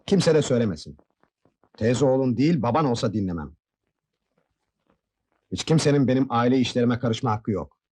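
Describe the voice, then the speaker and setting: Blustering husband, husky voice, swings up and down, old film. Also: male voice, medium pitch, lively intonation, brisk, pauses often, a little mellow. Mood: angry. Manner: hot-tempered, blustering. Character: hot-tempered husband who wants no one meddling in his affairs. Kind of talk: 1960s Turkish film acting.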